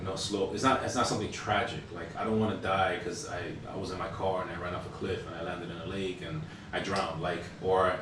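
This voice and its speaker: A very deep-voiced man talks in an easygoing way as a podcast co-host, cursing casually. He is recorded from back off the mic in a strongly echoing room. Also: noisy background. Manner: relaxed, laid-back, swears casually. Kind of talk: casual chat. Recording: roomy echo, distant from mic.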